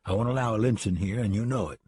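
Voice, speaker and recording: A man doing a calm, steady ranger. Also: lowish voice, fast talker, a little hiss or hum, natural voice. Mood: calm, firm. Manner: calm, firm.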